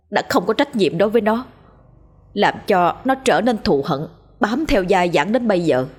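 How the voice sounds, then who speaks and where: A woman's voice: medium pitch, slightly rough. A woman voicing a worried husband who pleads earnestly in a ghost story.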